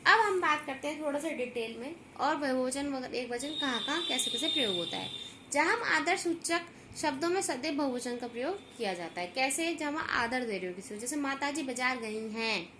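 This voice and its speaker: A woman teaching a grammar lesson, slowly repeating example words and often checking that her students understand. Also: sits high, lively intonation, sharp tone, a little hiss or hum.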